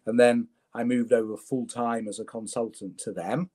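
With a medium-pitched, darkish voice at a steady tone and normal speed, a man from Leeds, England, recounts his career as a guest entrepreneur. His conversational storytelling is wry and self-deprecating, marked by stammering repeats.

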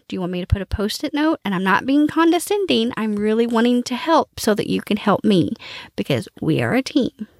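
A woman's voice: a little high, fairly quick, dry recording, studio quality. A woman host talking casually and frankly, giving household advice and cussing freely. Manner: frank and animated, cusses casually. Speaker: podcast host.

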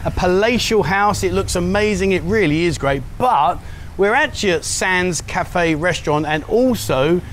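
Guy hosting a chat show outside, upbeat, teasing, bit high voice, faint traffic. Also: normal speed. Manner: upbeat, teasing, lively questions. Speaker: show host. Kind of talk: casual interview. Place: outdoors at a beachside cafe.

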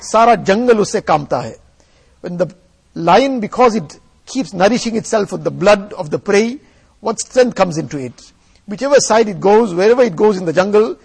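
Male preacher. Husky, creaky voice pitched high. Earnest, exhorting sermon delivery. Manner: earnest, exhortatory, repeating phrases for emphasis. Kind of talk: sermon, reading Urdu passages and translating them into English.

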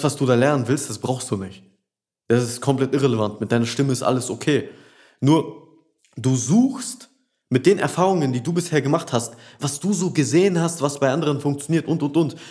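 Speaking as a dating coach, a man delivers a blunt, direct monologue straight to the listener, addressing them as du and repeating "und, und, und." His voice is mid-range with a darkish tone.

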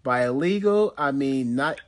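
A man's voice: mid-range voice, expressive, unhurried. American man bantering on a podcast. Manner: slangy, jokey storytelling. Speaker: podcast host. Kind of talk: casual banter among friends.

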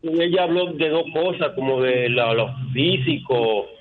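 A man's voice: a little high, measured pace. A man calling in to a radio show over the phone, talking hesitantly and searching for words. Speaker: caller. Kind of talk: call-in radio chat. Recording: tinny phone line with crowd behind.

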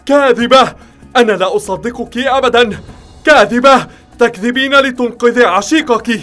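A man's voice: very high-pitched, moderate pace, sharp tone, soft background music, voice pushed up. A man voicing a ruthless male hitman who barks threats and orders in a raised voice. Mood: menacing. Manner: barking, menacing commands.

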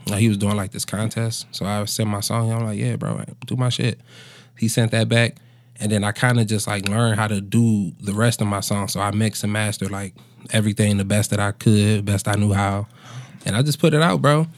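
A man's voice: fairly low pitch, steady tone, moderate pace. A man in his twenties, a musician chatting casually in a laid-back, slangy bro manner with plenty of swearing. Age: 20s. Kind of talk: casual conversational storytelling.

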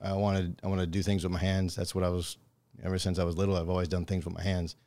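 A middle-aged man from Minnesota, a truck driver guest on a podcast, chatting casually and laughing often, his voice trailing off quietly. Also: low-pitched, level tone, quick pace, dry recording. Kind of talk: casual chat.

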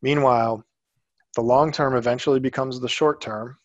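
A man co-hosting a finance podcast, explaining in a casual way, often trailing off quietly and saying "you know". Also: medium pitch, steady tone, moderate pace, no echo, lo-fi sound. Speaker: podcast co-host.

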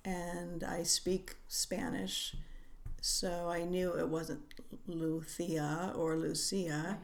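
A middle-aged woman, a writer who is a guest on a podcast, talking reflectively in an unhurried, musing way with frequent hesitations. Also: fairly low pitch, little pitch movement, creaky. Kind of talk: reflective conversational interview.

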